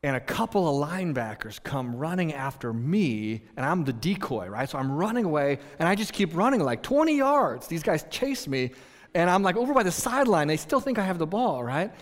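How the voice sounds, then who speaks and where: A pastor telling stories in a conversational sermon, with many restarts and an animated delivery. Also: male voice, a little high, fairly quick. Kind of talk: sermon with storytelling. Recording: long reverb in a large hall.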